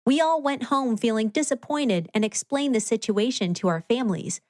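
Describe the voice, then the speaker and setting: A woman with a somewhat high voice narrates a children's storybook. She reads in an expressive read-aloud manner from a script. The sound is dry, with very little room in it. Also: moderate pace, no echo.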